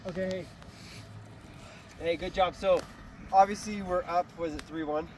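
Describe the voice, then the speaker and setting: A man's voice: high-pitched, fairly even intonation, a little slow, a crowd in the background. A man coaching a soccer team in a halftime pep talk, instructive and often checking understanding with short tag questions. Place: outdoors at a sports field. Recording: outdoor field with clear traffic noise.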